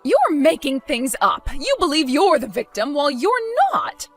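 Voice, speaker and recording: In a dramatized story, a woman voices a spiteful, scheming mother-in-law who indignantly protests her innocence. Her high voice swoops in a sing-song way at a moderate pace, with soft music underneath.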